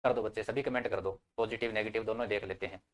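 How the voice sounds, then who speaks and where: A man's voice: lowish voice, steady tone, fast talker. A young man teaching a live online exam-prep class, repeating key points and quizzing his students. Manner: repetitive drilling, quizzing students.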